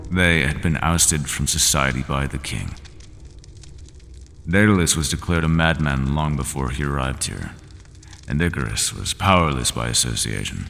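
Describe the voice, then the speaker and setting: A man voicing the Minotaur, gravelly and very deep. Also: a bit bright, full character voice. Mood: brooding, bitter. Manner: slow, solemn and bitter storytelling. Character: lonely brooding Minotaur, a bull-headed male prisoner. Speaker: ASMR roleplay performer. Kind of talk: ASMR roleplay monologue. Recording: long reverb with faint ambient noise.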